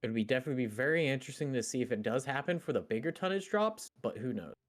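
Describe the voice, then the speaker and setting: A man's voice: medium pitch, expressive, fast. A man giving casual, analytical commentary on a live game match as a co-caster.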